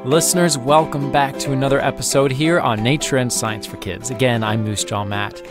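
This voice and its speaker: A man's voice: mid-range voice, fairly even intonation, moderate pace, over music. A man hosting a children's science podcast, explaining facts step by step in a playful, friendly way. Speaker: host of a kids' science podcast. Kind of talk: educational podcast narration for children.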